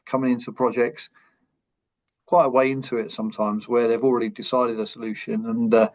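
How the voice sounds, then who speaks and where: A man moderates a panel over a video call at a middling pitch. He talks in a relaxed, conversational way, agreeing with his guests and passing the floor along. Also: a little fast. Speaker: host and moderator.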